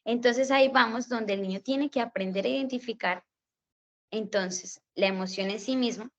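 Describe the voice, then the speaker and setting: A woman who teaches young children, explaining step by step and often checking in with her listeners, sometimes acting out gentle talk to a child. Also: fairly high pitch, normal speed, highs cut off. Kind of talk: explanatory talk for a class assignment.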